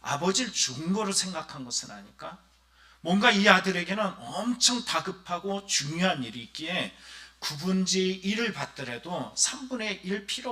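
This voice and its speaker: Animated male pastor preaching a sermon. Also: fairly high pitch. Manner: animated preaching, often addressing the congregation directly; acts out quoted voices of villagers and the son. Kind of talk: Sunday sermon.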